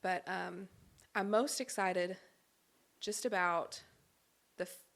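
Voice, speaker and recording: Her voice is lowish, gravelly and fairly bright, with fairly even intonation and a slow pace. A young pregnant singer being interviewed as a guest, she responds openly and thoughtfully, somewhat out of breath, with light laughter and plenty of ums.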